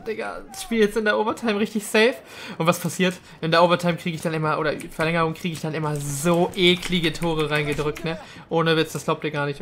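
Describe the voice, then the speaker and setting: A man's voice: fairly high pitch, fairly bright tone, a little hiss or hum. A young man gives chatty, slangy let's-play commentary, rambling casually with English gamer words mixed in. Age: young adult. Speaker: gaming video host.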